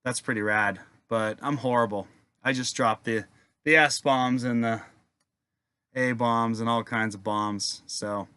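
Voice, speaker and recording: A man's voice: mid-range voice, fairly even intonation, measured pace, sharp tone, smooth, no echo. A young adult man rambling casually in a video rant, laid-back and swearing freely, with lots of fillers. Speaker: wargaming video maker.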